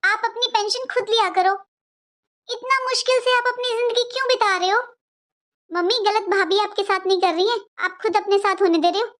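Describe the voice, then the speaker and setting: A woman's voice: very high-pitched, fairly even intonation, fairly quick, fairly bright tone. A woman playing an outspoken grown-up daughter who scolds and stands up for her mother in a family drama. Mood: pleading.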